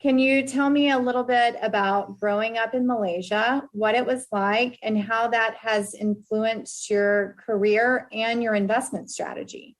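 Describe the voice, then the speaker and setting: A woman's voice: on the high side, fairly even intonation, a little slow, hardly any pauses. A woman with a Tennessee accent hosting an interview podcast, reading introductions and putting questions to her guest. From Tennessee, United States. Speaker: podcast host.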